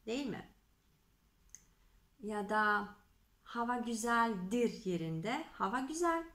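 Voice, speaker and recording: Woman teacher, patient, repeats examples, unhurried, roomy echo. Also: on the high side, a bit bright. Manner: slow, patient, repeats examples and checks with "okey?". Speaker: Spanish teacher. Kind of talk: explaining grammar to Turkish learners.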